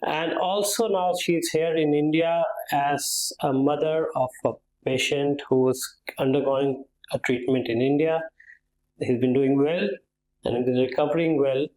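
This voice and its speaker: A man's voice: on the high side, fairly even intonation, unhurried, a little mellow, reverberant, low-quality recording. A man hosting an interview, politely introducing his guest and asking questions. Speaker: podcast host.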